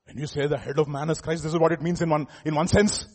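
Male preacher, Indian accent, slightly high husky voice; emphatic, repetitive, questioning, informal sermon delivery. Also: fairly even intonation, fast, a little mellow. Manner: emphatic, repeats phrases, questions the congregation. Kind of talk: sermon with informal teaching asides.

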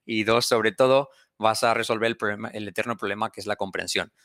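Low, bright-voiced man explaining. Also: fairly even intonation, fairly quick, dry recording, clean studio sound. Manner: explanatory, demonstrates English phrases. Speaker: co-creator of an English-learning method, guest. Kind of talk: conversational interview, explaining.

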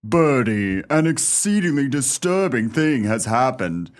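A man's voice: medium pitch, very animated, unhurried. Uncle Willoughby, a man acting a pompous, agitated elder. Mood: agitated, suspicious. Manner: pompous, formal, indignant. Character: pompous, agitated older English uncle, suspicious. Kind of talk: radio play acting.

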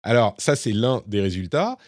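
A man's voice: fairly low pitch, very animated, normal speed, a little mellow, no room sound, studio quality. A man hosting a casual tech podcast, chatty and explaining demos to listeners. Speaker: podcast host.

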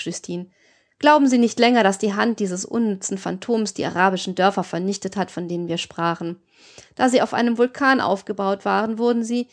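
A woman's voice: mid-range voice, a little mellow, natural voice. A woman voicing a brutal male robber chief who lectures with cold, sneering arguments.

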